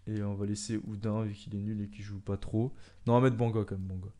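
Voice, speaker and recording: A young man commentating his own soccer video game match, swinging from calm musing to loud excited shouts when the action heats up. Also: on the low side, fast talker. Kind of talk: excited let's-play commentary.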